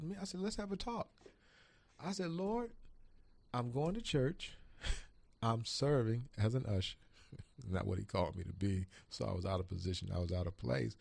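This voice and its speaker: A pastor preaching a radio sermon, telling a personal story in an animated way with frequent laughs. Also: male voice, lowish voice, no room sound.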